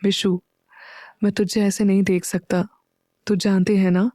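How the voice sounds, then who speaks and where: A woman voicing an affectionate young man who gently teases his partner. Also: medium pitch, little pitch movement, dry recording, clean studio sound, lightly acted. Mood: tender. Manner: soft, slow and tender.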